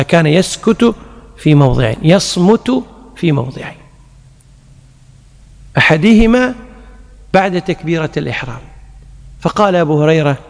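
A man's voice: a little high, creaky. A man who is an Islamic scholar, answering listeners' religious questions in an explanatory lecture, repeating key phrases and reciting examples. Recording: long hall reverb.

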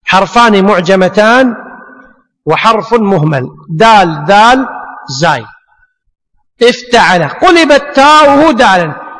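A man's voice: high-pitched, fairly bright tone. A male teacher giving a classroom lecture, explaining step by step with rhetorical questions and repetition. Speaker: teacher of Arabic morphology. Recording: long reverb, as in a lecture hall.

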